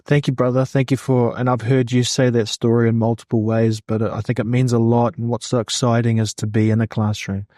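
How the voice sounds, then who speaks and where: A man's voice: mid-range voice, little pitch movement, fairly quick, hardly any pauses, warm tone, dry recording, clean studio sound. A man hosting a podcast interview in front of a classroom, speaking in an encouraging way. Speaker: podcast host.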